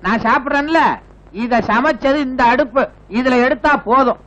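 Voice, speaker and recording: A greedy scornful guru. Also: male voice, extremely high pitch, moderate pace, fairly bright tone, lo-fi sound, slight background noise. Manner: scornful, mocking. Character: greedy money-minded male guru, scornful. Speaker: greedy guru leading pilgrims. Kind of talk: 1980s Tamil film dialogue.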